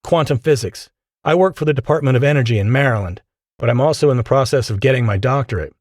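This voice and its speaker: A man's voice: mid-range voice, fast talker, darkish tone, no room sound, clean studio sound, pitched above the performer's own voice, lightly acted. A man voicing a young newlywed male physicist, eager and a little unsure of himself. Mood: earnest.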